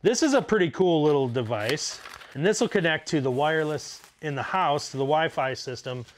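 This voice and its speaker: This is a casual how-to demo from a forties-aged plumber who narrates each step of an installation out loud in a basement utility room, staying practical throughout. He speaks at a moderate pace with a fairly high, lively voice, and there's a slight hiss or hum on the recording.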